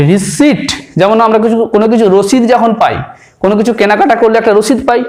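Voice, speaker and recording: A man gives a patient pronunciation lesson. His voice sits fairly high. He spells each word letter by letter and says it again before moving on. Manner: slow, spells out words letter by letter and repeats them. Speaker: English pronunciation tutor. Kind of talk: explanatory spoken lesson.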